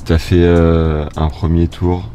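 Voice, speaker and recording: A man's voice: low-pitched, monotone, slow pace, warm tone, a little hiss or hum. A man interviewing a guest in a moving car, asking friendly and teasing questions. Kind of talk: casual interview chat. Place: inside a moving shuttle car.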